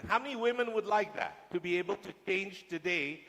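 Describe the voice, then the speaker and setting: Speaking fairly quickly in a voice that sits high and a bit bright, a man guest-lectures police officers in a large hall. He teases and jokes with them, and the recording carries long hall reverb.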